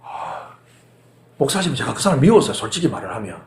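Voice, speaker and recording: Animated male pastor in an echoey church. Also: mid-range voice, fast, creaky. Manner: animated storytelling, acts out phone arguments. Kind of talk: sermon with personal story. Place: church sanctuary.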